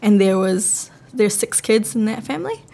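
A woman's voice: medium pitch, expressive, normal speed, creaky, mellow. Chatty woman guest, open and talkative. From Philippines. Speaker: podcast guest. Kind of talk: casual interview chat.

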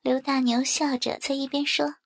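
A woman narrating a first-person story in a soft, even reading manner. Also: high-pitched, moderate pace. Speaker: audiobook narrator.

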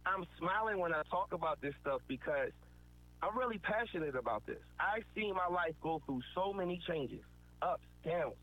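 A man's voice: high voice, animated, moderate pace. A man giving an earnest, preachy motivational talk, repeating points for emphasis. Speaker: motivational speaker. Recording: tinny phone-like line with faint noise.

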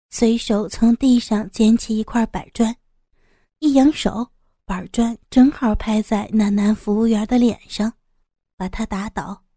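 Mellow woman narrating a dramatic audiobook. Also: medium pitch, dry recording, clean studio sound. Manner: steady, vivid, suspenseful reading. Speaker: storyteller.

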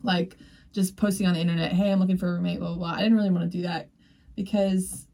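A woman's voice: on the low side, little pitch movement, quick pace, mellow, recorded from a distance. A young woman hosting a casual podcast chat, talking loosely and laughing often as she acts out what others said. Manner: chatty, laughs often, acts out quoted dialogue. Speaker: podcast host.

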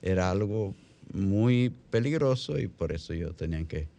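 A man with a Dominican Caribbean Spanish accent hosting a radio talk show in an unscripted way, halting and repeating phrases as he explains. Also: low voice, lively intonation, vocal fry, dark tone.

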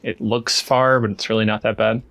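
A man's voice: on the low side, little pitch movement, normal speed, creaky, a bit bright, dry recording, studio quality. Playful man in casual podcast banter. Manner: playful, joking, chatty asides. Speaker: podcast co-host. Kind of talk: casual chat.

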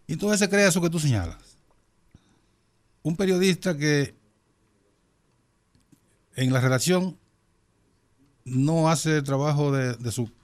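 Male panelist, Caribbean Spanish accent, mid-pitched, halting delivery with repeated words while arguing a point. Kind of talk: panel discussion on current affairs.

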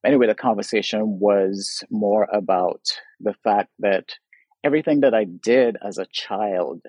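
A man's voice: lowish voice, a little slow, a little mellow, no room sound, highs cut off. A man in his fifties, speaking as a guest in an interview and reflecting earnestly, with frequent "sort of" and "you know". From Trinidad. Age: 50s. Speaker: guest artist.

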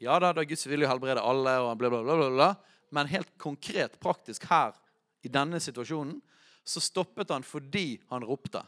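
A man preaching a sermon, rising to shouts when quoting. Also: mid-range voice.

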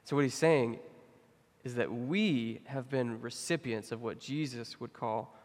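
A young man giving a sermon as a pastor, talking casually with many fillers and getting animated when he tells stories. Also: medium pitch, a little slow. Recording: long hall reverb.

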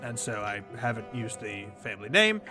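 A man's voice: mid-range voice, sing-song, moderate pace, bright, forceful tone, soft background music, voice pushed down. A man voicing a runaway noble's second son who hesitates and hedges with fillers. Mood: evasive. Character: noble second son hiding his title, evasive young man. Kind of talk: tabletop role-play in character.

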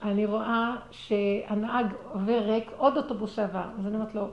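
A middle-aged woman telling a personal story in a religious talk, acting out the dialogue with animation and sinking into quiet, prayerful murmurs. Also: medium pitch, fairly even intonation, lo-fi sound. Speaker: speaker sharing a personal story. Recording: roomy echo with faint background noise.

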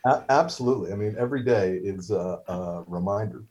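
The guest, a middle-aged stroke survivor who grew up speaking Hebrew, talks a little fast in a lowish, husky, slightly mellow voice. He tells his story informally, with wry jokes, fillers and frequent restarts.

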